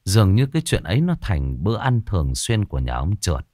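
A man narrating a ghost story in an expressive storytelling manner. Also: low voice, fairly quick, no echo, studio quality.

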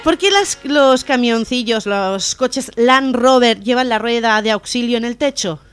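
A woman co-hosting a radio comedy show, telling jokes in a lively way and acting out the voices. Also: on the high side, measured pace, faint music behind.

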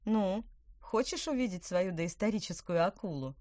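A woman voicing a cheerful young witch girl in a storybook reading, speaking brightly and breezily. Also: mid-range voice, lively intonation, moderate pace, no echo, clean studio sound, close to an everyday voice. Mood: teasing.

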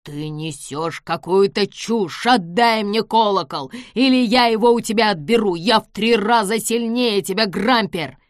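A woman voicing an angry, demanding grown man who shouts his threats in an audiobook. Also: low-pitched, slow, few pauses, no echo, clean studio sound.

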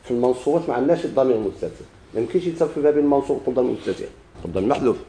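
A man with a Moroccan Arabic accent, teaching a classical Arabic grammar text. He asks questions and answers them himself, and slows down to quote verses and examples. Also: mid-range voice, lively intonation, dark tone, a little hiss or hum.

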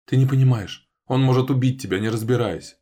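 A man's voice: mid-range voice, a little fast, dark tone, husky, voice pushed up, close to an everyday voice. A man reading an audiobook, voicing a frightened young woman who pleads for the man she loves. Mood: pleading loudly. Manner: pleading, tearful. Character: frightened devoted young woman, the narrator's girlfriend.

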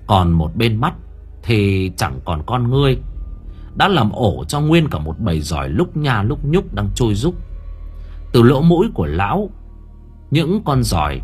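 A male narrator tells a horror story with vivid drama and lively rises and falls in pitch. His voice is husky and faint music plays under the reading. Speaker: audiobook narrator.

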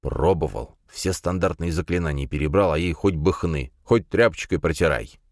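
Wry middle-aged combat professor, read by a man, low and dry. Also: dry recording, close to an everyday voice. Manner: wry, unhurried.

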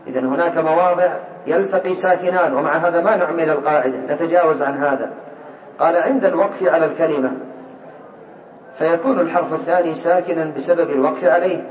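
A man teaching Arabic grammar in a classroom lesson, asking students by name and repeating examples slowly. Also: a little high, a little hiss or hum. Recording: echoey, distant, muffled lesson recording.

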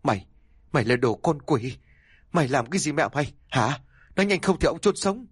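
A man voicing a desperate, quick-tempered old man who pleads and shouts in a strained, raised voice. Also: medium pitch, animated, slightly rough, no room sound, studio quality. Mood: furious.

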